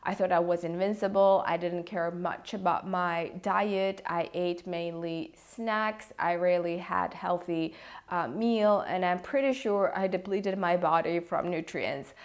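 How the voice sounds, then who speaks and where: Reflective, regretful woman with a lowish voice. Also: unhurried. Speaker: video creator sharing pregnancy advice. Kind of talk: personal advice monologue to camera.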